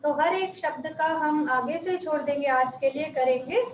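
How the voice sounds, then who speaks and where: Woman teacher explaining slow and patient on a video call, high voice, kinda echoey and muffled. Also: a little hiss or hum. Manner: patient, explains slowly, often asks "ठीक है?". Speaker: Sanskrit teacher. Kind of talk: online class lecture.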